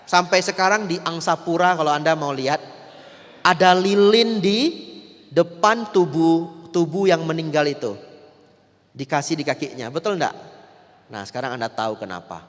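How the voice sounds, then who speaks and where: A man, a Buddhist monk giving a lively dharma talk that often turns to the audience. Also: a little high, moderate pace. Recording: long reverb of a large hall.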